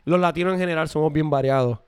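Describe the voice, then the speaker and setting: A man's voice: a little high, quick pace, clear, resonant tone. A young man with a Puerto Rican accent, co-hosting a casual chat and dropping English words into his Spanish. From Puerto Rico. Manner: chatty, mixes English words into his speech. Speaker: podcast co-host.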